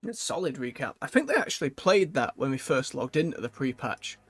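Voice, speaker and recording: A man streaming a fantasy game, giving chatty, animated commentary with quick asides. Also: medium pitch, husky, no echo. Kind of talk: casual live-stream commentary.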